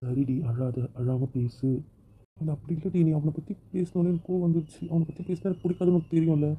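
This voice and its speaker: A man performing the lead role of an amateur romantic audio drama, talking fast and often pleading softly. His voice is husky, and it comes through thin and tinny like a phone line. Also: fairly high pitch, steady tone. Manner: pleading, soft-spoken apologies.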